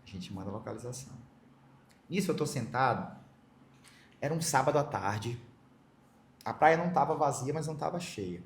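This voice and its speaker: A man's voice: medium pitch, lively intonation, moderate pace, vocal fry, pauses often, reverberant, a little hiss or hum. A middle-aged man from Brazil, sharing a personal story as a podcast guest, speaking with emotion and acting out the dialogue he recounts.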